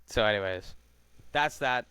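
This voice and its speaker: Laid-back slangy man, smooth voice. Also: fairly low pitch, bright, forceful tone, no room sound. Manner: laid-back, slangy, talks fast with lots of fillers. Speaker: podcast co-host. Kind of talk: casual chat recapping a reality show.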